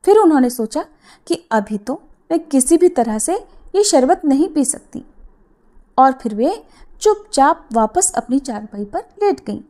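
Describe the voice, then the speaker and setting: A woman narrating a devotional story in a gentle, expressive storytelling manner, voicing the quoted lines herself. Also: high voice, measured pace.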